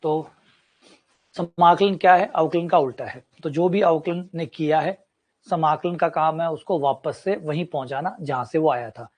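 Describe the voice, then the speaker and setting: Higher-pitched man teaching a maths class. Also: normal speed. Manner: explains with everyday examples and repetition. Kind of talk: classroom lecture.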